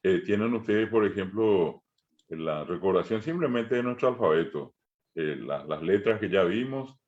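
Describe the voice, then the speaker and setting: Low-voiced Paraguayan teacher, hesitant, explaining. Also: male voice, lively intonation, darkish tone. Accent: Paraguayan Spanish. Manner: explanatory, repeats words slowly, many hesitations. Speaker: language teacher. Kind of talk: online language class. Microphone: video call. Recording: muffled lo-fi video call audio.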